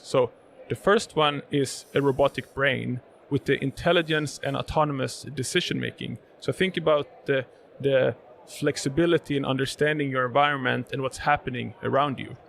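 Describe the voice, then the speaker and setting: Over a little hiss or hum, a man from Sweden with a medium-pitched, creaky, slightly bright voice explains robotics as an interview guest. A native Swedish speaker and robotics sales manager, he answers conversationally in a live event podcast booth, leaning heavily on fillers and repeated words.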